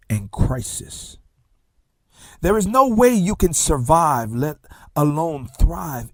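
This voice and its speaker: With a voice on the high side, a man who grew up in Tonga and speaks Tongan natively hosts a talk show as a success coach. His motivational monologue is slow and emphatic, full of dramatic pauses and soft, near-whispered phrases, with no room sound.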